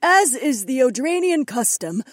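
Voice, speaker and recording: A man's voice: very high voice, sing-song, a little slow, dry recording, clean studio sound, pitched above the performer's own voice, full character voice. A man voicing a cold, imperious queen who presides over a trial in an audiobook. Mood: icy. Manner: stone-cold, commanding. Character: cold, imperious queen, middle-aged woman. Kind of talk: audiobook character voice.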